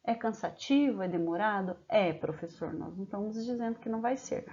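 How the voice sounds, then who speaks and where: A woman with a Brazilian Portuguese accent gives a training lesson to teachers. She explains step by step, often ends phrases with a questioning "né?", and slows down when she dictates examples. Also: medium pitch, warm tone, lo-fi sound.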